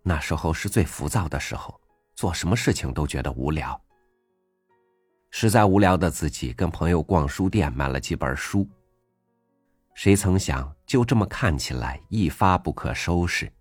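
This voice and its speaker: A man with an extremely deep, low voice reads a first-person essay in a gentle, reflective manner. His voice is close and dry, recorded on a studio mic. Soft music plays faintly behind him. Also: lively intonation, moderate pace, husky, no echo. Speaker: audiobook host reading an essay. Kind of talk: scripted narration.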